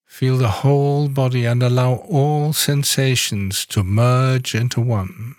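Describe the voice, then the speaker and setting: Slow, calm male meditation guide. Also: mid-range voice, no echo, studio quality. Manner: calm, soft-spoken instructions with long pauses.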